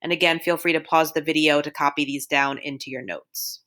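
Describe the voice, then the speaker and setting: A woman's voice: sits low, steady tone, fairly quick, fairly bright tone. A woman teaching Spanish over a recorded slideshow, steadily drilling verb forms one by one.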